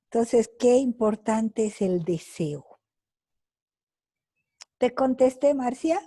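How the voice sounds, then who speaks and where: Slow-speaking older woman lecturing. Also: fairly high pitch, lively intonation, warm tone. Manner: slow, deliberate, with many fillers and tag questions. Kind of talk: videoconference lecture answering questions. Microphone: video call.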